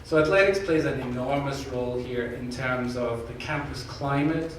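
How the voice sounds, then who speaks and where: At an open forum, a candidate for university president takes questions in a medium-pitched voice at moderate speed, his slight Scottish accent carrying earnest remarks and jokes. He often restarts and repeats words, recorded from a distance in a large, echoey room with background noise.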